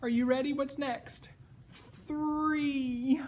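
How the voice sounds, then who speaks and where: High-pitched, singsong man in broad kids' theatre style. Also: lively intonation, slow pace. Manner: broad singsong children's theatre delivery, exaggerated. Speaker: children's storyteller and puppeteer. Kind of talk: animated read-aloud story for young children. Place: small indoor set.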